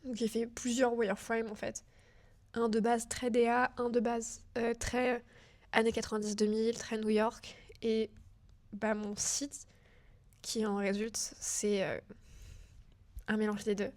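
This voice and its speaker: A young woman chats through her student web project in a casual, filler-heavy way. She sounds a little nervous as she talks straight to the viewer. Her pitch stays fairly level and even throughout. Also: measured pace, pauses often. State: a bit nervous. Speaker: digital school student. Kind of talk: casual screen-share walkthrough.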